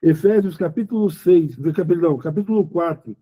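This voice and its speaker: A man's voice: fairly high pitch, moderate pace, mellow, husky. A middle-aged man with a Brazilian accent preaching an informal sermon to couples, talking conversationally and acting out quoted dialogue. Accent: Brazilian Portuguese. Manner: conversational, acts out quoted dialogue, rhetorical questions. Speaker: preacher leading a Bible study for couples.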